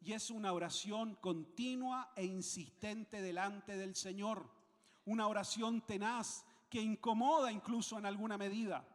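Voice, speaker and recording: A man's voice: sits high, steady tone, measured pace, big-room sound. A man from Chile, speaking with a Chilean accent, preaching a sermon as pastor, emphatic and repeating phrases for weight. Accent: Chilean Spanish.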